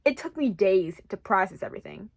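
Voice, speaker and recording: A young woman vlogger chatting casually, rambling and excitable, with many restarts and emphatic repeats. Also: medium pitch, brisk, no room sound, clean studio sound. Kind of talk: casual chat.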